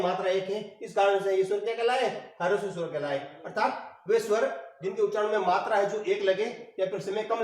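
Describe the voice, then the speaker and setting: High-voiced Hindi teacher in an echoey room. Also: male voice. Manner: repetitive, rhetorical questions answered himself. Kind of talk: classroom lecture. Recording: echoey room, mic far off.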